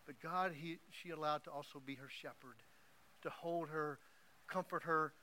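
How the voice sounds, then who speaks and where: A middle-aged man from Oklahoma preaching a sermon, telling an emotional story that swings from hushed to loud. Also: a little high, steady tone, normal speed, a little hiss or hum. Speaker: pastor.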